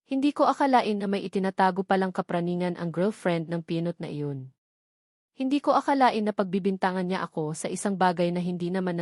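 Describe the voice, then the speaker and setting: A woman's voice: lowish voice, darkish tone, no room sound, clean studio sound. A woman reading a first-person romance story aloud in a conversational way, mixing in English phrases.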